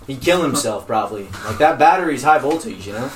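A man's voice: mid-range voice, animated, a little fast. A young man co-hosting a podcast, chatting casually with friends in a rambling, laid-back way full of fillers. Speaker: podcast co-host. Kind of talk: casual chat among friends. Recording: roomy, distant mic, faint noise.

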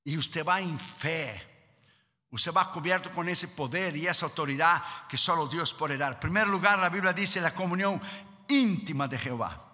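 Man, preacher, sermon, emphatic and repetitive, very bright tone, long hall reverb. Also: on the high side, moderate pace.

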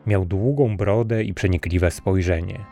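A man narrating a fairy tale in a calm, measured storybook style. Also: sits low, creaky, soft background music.

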